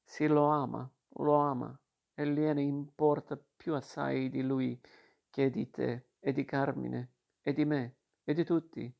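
A man reading the lines of a jealous, anguished teenage boy from a novel, in a slow, gravelly voice. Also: medium pitch, flat delivery. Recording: dull lo-fi recording.

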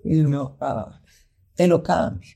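A woman from Colombia with a Paisa accent, in her thirties, chatting casually as a podcast guest and lively acting out quotes. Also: deep voice, slow pace, gravelly. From Colombia, Pereira. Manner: animated, acts out her child's voice in quotes. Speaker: guest, mother and entrepreneur. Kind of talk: casual conversational chat.

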